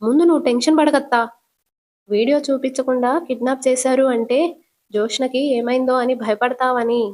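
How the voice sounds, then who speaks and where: A woman voicing a calm young man who soothes and coaxes his worried aunt. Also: high-pitched, normal speed, close to an everyday voice. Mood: reassuring. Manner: soothing, coaxing. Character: calm reassuring young man, caring nephew.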